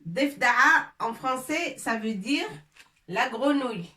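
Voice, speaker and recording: Slow, bright-voiced woman teaching a lesson. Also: mid-range voice, expressive, echoey room, recorded from a distance. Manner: repeats words slowly, asks the viewers questions. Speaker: Arabic teacher. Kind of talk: slow, patient language lesson.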